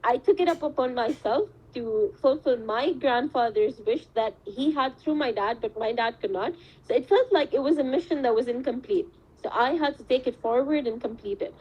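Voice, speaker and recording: A woman's voice: sits high, moderate pace, few pauses, husky, muffled recording. A woman in her twenties from Saudi Arabia, a medical student giving earnest, reflective interview answers at length.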